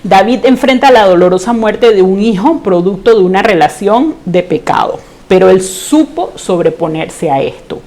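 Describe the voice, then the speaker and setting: A woman with a Panamanian Spanish accent preaching an online church sermon in an earnest way, slowing down when she reads scripture aloud. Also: medium pitch, expressive, darkish tone.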